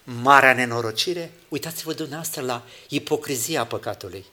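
A man preaching a sermon, dramatic, moving from hushed words to loud exclamations and acting out short dialogues. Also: medium pitch.

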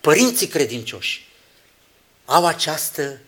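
A man preaching a sermon, dramatic, moving from hushed words to loud exclamations and acting out short dialogues. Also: on the high side, big pitch swings.

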